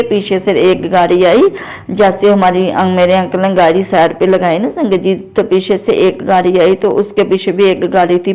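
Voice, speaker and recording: A middle-aged woman from Jammu telling a long personal testimony to a devotional congregation, rambling and repeating her address to the listeners. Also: mid-range voice. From Jammu, India. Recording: tinny phone-like recording.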